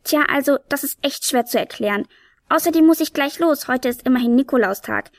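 A woman's voice: high-pitched, dry recording, studio quality. A woman doing a tiny cheeky Nicholas helper. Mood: hurried, breezy. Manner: cheeky, chatty and hurried.

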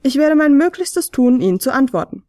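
A woman's voice: high-pitched, big pitch swings, brisk, a little mellow, dry recording, studio quality, voice pushed up. Woman doing a pompous bookworm professor, Professor Besserwisser. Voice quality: fussy, lecturing.

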